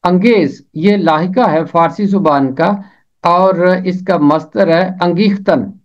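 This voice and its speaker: A man teaches the pronunciation of words. He speaks slowly and deliberately, repeating each term with care. The recording sounds a little dull and lo-fi. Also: sits high. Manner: slow, deliberate, repeats each word carefully. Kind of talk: scripted lesson on word pronunciation and meaning.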